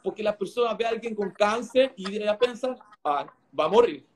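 Male pastor guest, high voice, emotional halting testimony. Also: animated, slight background noise. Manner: halting, repeats words for emphasis.

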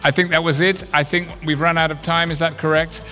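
A man's voice: on the high side, flat delivery, a little fast, over music. A man moderating a live panel discussion, upbeat and joking with the audience. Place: event hall with a live audience. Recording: reverberant hall with crowd.

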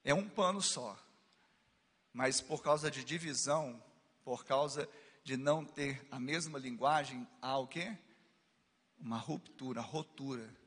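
A man's voice: mid-range voice, measured pace, long pauses, fairly bright tone, breathy edge. A middle-aged man with a Brazilian Portuguese accent, preaching a sermon as pastor with playful asides and rising exclamations. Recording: long hall reverb.

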